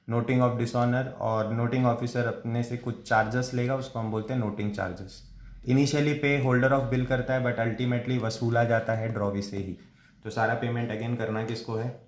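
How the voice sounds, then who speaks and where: Man teaching commerce in an echoey room. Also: medium pitch. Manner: explains step by step, asks and answers his own questions, reads definitions slowly. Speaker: commerce tutor. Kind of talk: classroom lecture in Hinglish.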